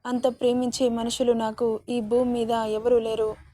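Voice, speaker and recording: A woman's voice: a little high, flat delivery, moderate pace, mellow, close to an everyday voice. A woman voicing a grieving young woman who mourns her father, speaking as a tearful, pleading lament in a dramatic story reading.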